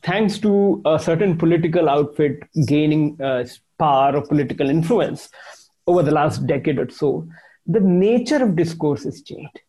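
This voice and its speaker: A man's voice: fairly high pitch, lively intonation, normal speed, dark tone, low-quality recording. A man with a North Indian accent giving conversational interview answers, emphatic, repeating phrases and slipping Hindi into English. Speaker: interviewed journalist and author.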